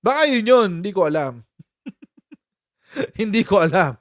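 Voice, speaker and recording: Guy doing casual live-stream commentary, kinda high voice, dry dull lo-fi sound, laughs a lot. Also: very animated, a little slow, dry recording. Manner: chatty, laughs often, calls viewers "mga kotsero". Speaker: political commentary host.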